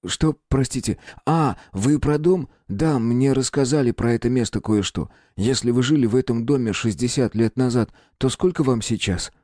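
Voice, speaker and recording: A man's voice: medium pitch, normal speed, few pauses, a little mellow, no echo, clean studio sound, pitched above the performer's own voice, lightly acted. A man voicing a polite, curious young boy in an audiobook, asking hesitant questions. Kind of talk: audiobook character voice.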